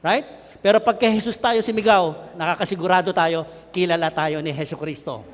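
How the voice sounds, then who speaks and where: A middle-aged Filipino man preaching a lively sermon, joking and shouting with his congregation. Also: sits high, fairly quick, slight background noise. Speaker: pastor. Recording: long hall reverb.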